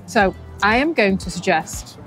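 A woman's voice: mid-range voice, expressive, unhurried, a bit bright, soft background music. A woman co-hosting a food vlog, chatting casually and gushing with delighted exclamations as she tastes. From United Kingdom. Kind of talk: casual chat while tasting food.

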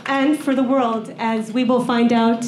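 A young woman interviewer speaking formally and clearly on stage through a handheld mic. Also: fairly high pitch, steady tone, a little slow, heavy background noise. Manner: formal and articulate. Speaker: interviewer and program director. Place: event hall with audience. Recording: echoey hall, faint room ambience.

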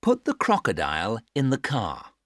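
A actress as a patient instructor with a very low voice and hugely varied intonation. She speaks careful, stilted textbook dialogue in a dry studio sound. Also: huge pitch swings, normal speed, fairly bright tone, no room sound, exaggerated voice. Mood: patient, instructive. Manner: careful, over-clear instructing. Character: patient adult giving simple picture instructions.

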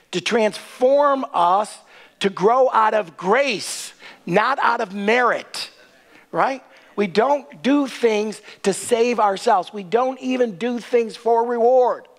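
A middle-aged pastor with a notably high voice for a man, preaching from a church stage. He presses his points and keeps checking in with the congregation, tagging lines with "right?". Recorded on a body mic in a big sanctuary. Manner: emphatic, rhetorical questions with a tag "right?". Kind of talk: sermon.

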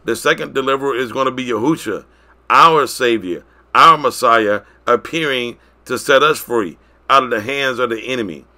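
Preaching a sermon to his congregation, a man with a mid-range male pitch uses a bright, forceful tone. He swings between loud declarations and quiet, drawn-out phrases.

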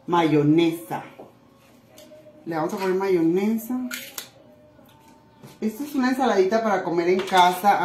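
A woman chatting warmly with viewers while cooking in her home kitchen, calling them little treasures. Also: mid-range voice. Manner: chatty and affectionate, calls viewers "tesoritos". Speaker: cooking vlogger. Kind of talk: casual cooking chat to viewers. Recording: echoey room with faint noise.

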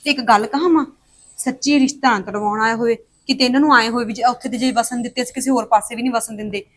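A woman's voice: fairly high pitch, steady tone, quick pace, a little hiss or hum, close to an everyday voice. A woman with a Punjabi accent, playing a worried daughter-in-law in a drama series.

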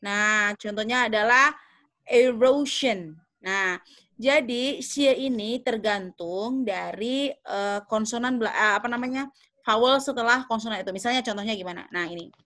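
A woman's voice: on the high side, normal speed, bright, forceful tone. A young woman teaching a class. She explains patiently, corrects herself aloud and keeps asking whether the students understand. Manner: patient, checks understanding often; thinks aloud with fillers and self-corrections. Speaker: English teacher.

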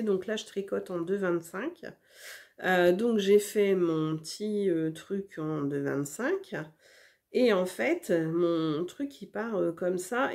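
Slow, hesitant woman chatting about knitting. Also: medium pitch, mellow. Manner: hesitant, many fillers and restarts. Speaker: knitting podcast host. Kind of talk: casual knitting vlog chat.

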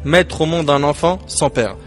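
A male preacher giving a sermon in French, emphatic, with rises and dramatic drops and pauses. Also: on the high side, faint music behind. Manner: emphatic, rising and falling delivery with dramatic pauses.

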